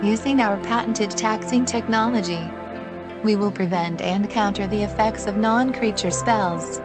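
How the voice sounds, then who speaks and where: A synthetic female voice playing a gentle care robot that calmly welcomes guests to a wellness retreat, glitching and repeating its words. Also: medium pitch, natural voice. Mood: soothing glitchy. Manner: soothing, slow, repeats and stutters words. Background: loud music.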